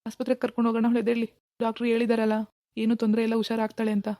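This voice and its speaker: Woman putting on a worried cartoon father, low pitch, soothing and reassuring, quick delivery, mellow tone. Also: monotone, no echo, natural voice. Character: worried middle-aged father consoling his wife. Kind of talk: Kannada cartoon voice acting.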